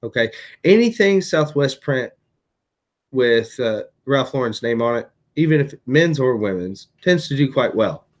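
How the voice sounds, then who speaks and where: A man's voice: medium pitch, expressive, a little slow. A tired man hosting a casual vlog, chatting through items he resold, with lots of fillers and restarts. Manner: chatty, many fillers and self-corrections. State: tired, hiccuping late at night. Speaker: eBay reseller vlogger.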